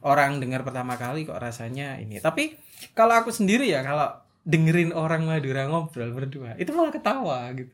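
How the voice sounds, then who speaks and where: A man's voice: on the high side, big pitch swings, fairly quick. A man from Solo hosting a casual podcast chat, asking questions and backing the others up with short murmurs. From Solo, Central Java. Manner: asks questions, frequent short backchannels. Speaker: podcast host.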